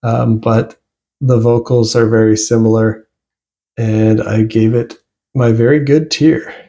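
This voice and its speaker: A man reviewing new albums in a relaxed, rambling way, often pausing and restarting his sentences. His voice is dark and mellow. He delivers it all in a flat, even tone with little rise and fall. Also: mid-range voice. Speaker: music reviewer. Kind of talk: casual album review vlog.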